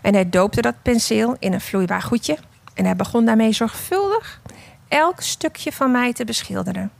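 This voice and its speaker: A woman telling a parable and sharing her testimony in a gentle, slow, emphatic devotional storytelling style. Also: fairly high pitch, lively intonation, vocal fry.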